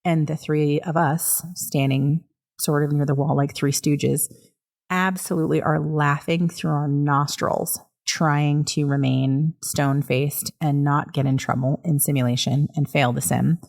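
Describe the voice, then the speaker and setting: A woman's voice: low-pitched, steady tone, a little slow, creaky, darkish tone. A woman in her thirties, a podcast host and nurse educator, chatting through an amused story with plenty of fillers. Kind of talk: casual storytelling.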